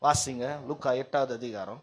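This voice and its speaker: A man preaching as pastor at a church service who keeps calling for amens and hallelujahs, swinging between loud declarations and low, quiet asides. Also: moderate pace, breathy edge. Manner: calls often for amens and hallelujahs from the congregation; acts out stubborn people's words in the first person. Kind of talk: sermon.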